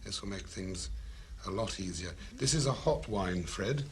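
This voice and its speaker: A man's voice: low voice, lively intonation, moderate pace. A man hosting a cookery show, his voice swinging up and down as he chats with enthusiasm. He talks in a theatrical, chatty way over a faint hum of room noise. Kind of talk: lively on-set chat.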